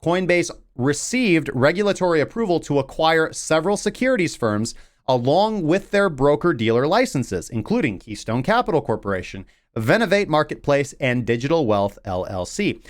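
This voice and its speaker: Young guy hosting a crypto news stream, pitch bouncing all over, cracks sarcastic jokes between the headlines. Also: sing-song, normal speed. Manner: jokey, sarcastic asides, mock voices. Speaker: crypto news show host. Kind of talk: livestreamed news commentary.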